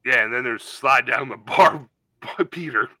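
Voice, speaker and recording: A man's voice: medium pitch, unhurried, sharp tone, no echo. A man co-hosting a podcast, riffing in casual comedic banter and slipping into silly put-on voices. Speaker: podcast co-host.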